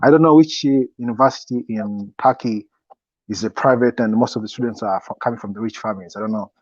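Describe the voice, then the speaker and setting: A young man in a casual interview, giving advice as a student guest in a halting way, often repeating his words. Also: medium pitch, darkish tone. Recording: echoey, dull lo-fi sound.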